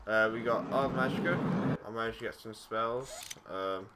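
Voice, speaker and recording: In this casual let's-play, a gaming YouTuber speaks in a lowish voice at normal speed. The young man is relaxed and meandering, full of fillers and self-corrections, and game clicks sound through heavy background noise.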